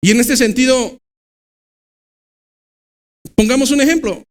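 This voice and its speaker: A man with a Mexican Spanish accent preaching a sermon as pastor of a church, swinging between loud emphatic bursts and low, slow stresses.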